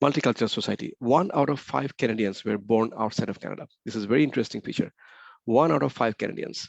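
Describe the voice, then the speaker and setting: A gravelly, mid-range male voice delivers a rapid-fire webinar slide presentation, switching between English and Bengali. He talks quickly, repeats his key points, and poses rhetorical questions. The computer mic on the video call gives a dry, dull, slightly muffled sound.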